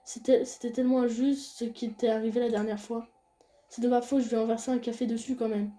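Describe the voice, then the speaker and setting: A woman's voice: quick pace, soft background music. A young woman reading a visual novel aloud and chatting casually about the game as she plays. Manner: reads game dialogue in a soft low voice, chats loudly and excitedly between scenes. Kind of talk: casual let's-play commentary.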